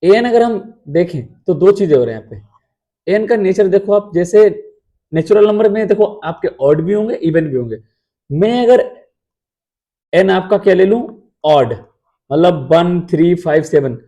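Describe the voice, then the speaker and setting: A man's voice: high voice, lively intonation, normal speed, mellow. A man teaching math in an explanatory lecture, asking rhetorical questions and answering them himself.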